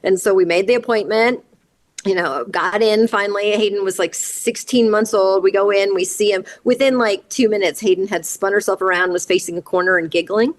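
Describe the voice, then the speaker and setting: A woman's voice: medium pitch, fairly even intonation, brisk. Earnest woman telling her family story. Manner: earnest, candid, recounting at length. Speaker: interview guest, parent. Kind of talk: conversational interview storytelling.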